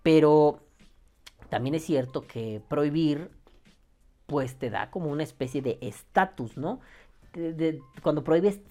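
A man's voice: a little high, a little slow, long pauses, a little mellow. A Mexican man hosting a podcast, ranting casually in a profane, sarcastic, rambling way. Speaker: podcast host.

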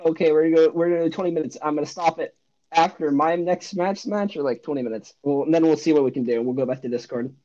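A man's voice: a little high, fast, warm tone. A young man co-hosting a casual home podcast, rambling and swearing freely. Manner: rambling, swears often, playful. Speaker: podcast co-host. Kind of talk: casual chat. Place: bedroom at home. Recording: dull lo-fi home recording.

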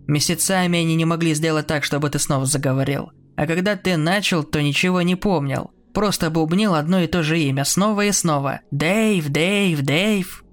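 A man's voice: on the high side, moderate pace, hardly any pauses, natural voice. A man voicing a cold, taunting adult brother who mocks his sibling in a horror story reading. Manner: mocking and sneering.

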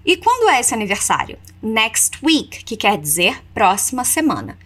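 Woman as English teacher, higher voice, very animated, slow modeled phrases then quick explanations. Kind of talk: language lesson with repeat-after-me drills.

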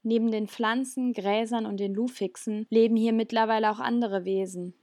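A woman's voice: on the high side, steady tone, moderate pace, warm tone, no echo, studio quality, close to an everyday voice. A woman voicing a grave alien elder woman explaining a danger in a storybook reading.

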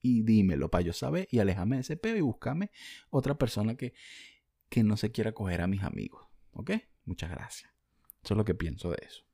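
A man's voice: on the low side, big pitch swings, fairly quick, vocal fry, warm tone, no echo, clean studio sound. A young Venezuelan man ranting bluntly and profanely in a casual vlog, answering viewer comments. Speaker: vlogger.

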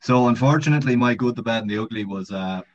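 A man's voice: medium pitch, quick pace. A man speaks as a podcast guest in casual chat, telling a rambling story with swearing and frequent laughter. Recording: dull lo-fi podcast audio.

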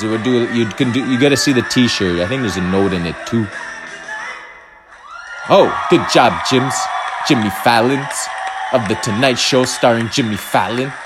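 A man casually rambling through a reaction video, with frequent restarts and sudden loud bursts. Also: medium pitch. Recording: music playing loudly under the voice.

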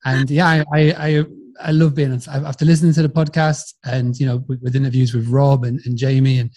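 This man from Yorkshire, England, in his forties, recounts his story as a podcast guest in a casual storytelling interview. He talks a little fast in a level, dark-toned, medium-pitched voice, friendly and chatty, frequently repeating words and starting over.

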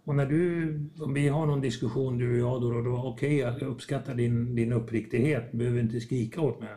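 Reflective man with a mellow voice. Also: mid-range voice, fairly even intonation. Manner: reflective, acts out little dialogues. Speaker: podcast guest. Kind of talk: conversational podcast talk.

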